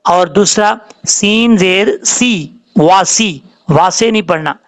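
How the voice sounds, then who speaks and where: A man teaching Quran recitation rules, explaining calmly and drawing out the words he demonstrates. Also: high-pitched. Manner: explains slowly, drawing out Arabic words when showing them. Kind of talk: tajweed lesson with slow demonstrations.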